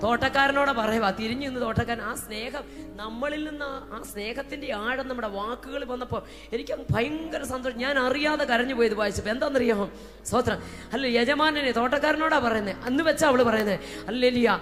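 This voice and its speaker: A woman preacher from Kerala giving a fervent Pentecostal sermon. She swings between shouting and hushed talk and breaks into speaking in tongues. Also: a little high, fairly quick. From Kerala, India. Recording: echoey hall with faint music.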